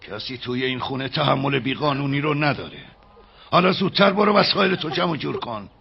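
An actor dubbing a stern estate master who lectures a maid in a condescending way. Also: male voice, medium pitch, animated, gravelly, husky. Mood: lecturing. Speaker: dub actor. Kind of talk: dubbed period drama. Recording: dull muffled audio with faint hiss.

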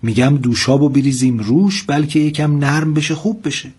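A man voicing a soft-hearted, naive villager in a spoken folktale, talking in a tender, pleading way. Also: on the high side, steady tone, breathy edge, pitched above the performer's own voice.

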